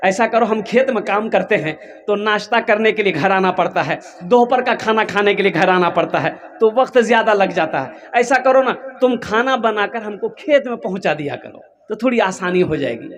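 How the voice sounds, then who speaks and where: A man preaching in a high, carrying voice with a Kolkata Hindi-Urdu accent. He tells a moral tale as a sermon, acting out each character with sudden leaps in pitch and bursts of intensity. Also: moderate pace, few pauses. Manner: animated storytelling, acting out voices with big pitch jumps. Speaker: Islamic preacher. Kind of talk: storytelling sermon.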